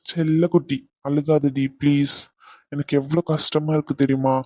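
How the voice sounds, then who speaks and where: A man voicing a doting young groom in a cartoon, soothing and coaxing his bride in a soft, teasing way. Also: fairly high pitch, flat delivery, moderate pace, no echo, natural voice. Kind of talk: cartoon voice acting.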